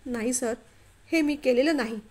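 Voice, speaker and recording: A woman's voice: high-pitched, moderate pace, darkish tone. A woman voicing a timid, honest young male clerk who pleads anxiously. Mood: panicked pleading.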